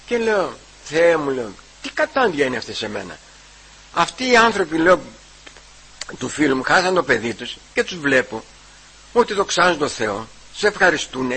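A man giving a personal testimony at church. He retells the conversations and keeps repeating "I say" and "he says", with halting restarts. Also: a little high, pushed and bright, husky, low-quality recording.

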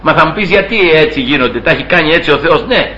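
High, bright-voiced animated male preacher. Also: dull audio. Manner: acts out quoted dialogue with raised pitch, laughs while telling. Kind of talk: storytelling sermon.

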